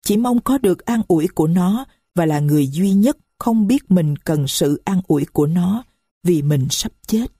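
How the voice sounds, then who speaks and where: A woman's voice: lowish voice, animated, moderate pace, mellow, slightly rough, no room sound, studio quality. A woman narrating a first-person story in a somber, grieving, reflective way.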